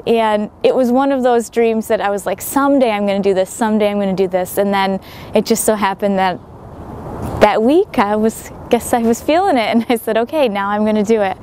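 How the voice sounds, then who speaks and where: A woman's voice: mid-range voice, darkish tone, a little hiss or hum. A young woman in her twenties, a sailor and writer, giving reflective interview answers outdoors at a marina, with many fillers and restarts.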